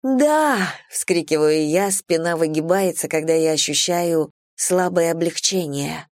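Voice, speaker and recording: A woman narrating a first-person romance audiobook in an even, intimate, low-key reading. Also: a little slow, no echo, studio quality.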